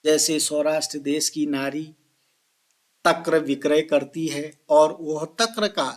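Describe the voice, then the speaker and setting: A man's voice: fairly high pitch, steady tone, no room sound. A man teaching a Sanskrit verse in a lesson video, calling his listeners children and asking and answering his own questions. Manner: chants verses slowly. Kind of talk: classroom explanation video.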